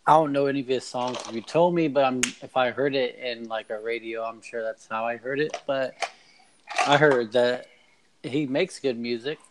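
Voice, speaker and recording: A man's voice: mid-range voice, fairly even intonation. A man co-hosts a casual podcast, stumbling and restarting as he talks. His voice sits in a middle range. A faint hiss runs under the recording. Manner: halting, stumbling over words. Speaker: podcast co-host.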